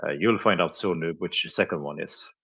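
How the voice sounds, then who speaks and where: This live streamer, going over flea market finds, has a low-pitched, creaky, slightly rough voice that's a bit bright, and he talks at a moderate pace. He's casual but hesitant, with plenty of fillers and frequent chuckling. The recording sounds dull and lo-fi.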